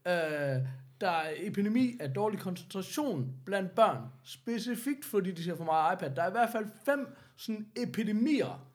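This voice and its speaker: A man's voice: sits high, expressive. A man co-hosting a podcast, talking in a casual, opinionated way and slipping into mock voices to quote people. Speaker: podcast co-host. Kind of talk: casual chat.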